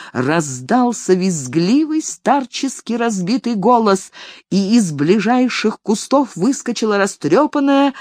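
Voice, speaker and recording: A woman narrating a novel aloud in an expressive, dramatic way. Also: deep voice, no echo, studio quality.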